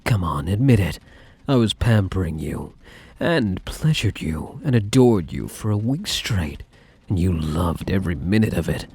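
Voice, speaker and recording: A man playing a possessive, lovesick ex-boyfriend in an ASMR role-play, speaking intensely and defensively to the listener with dramatic pauses. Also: low voice, lively intonation, darkish tone, slightly rough, no room sound, exaggerated voice. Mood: defensive, insistent. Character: possessive, obsessive ex-boyfriend, self-justifying and lovesick.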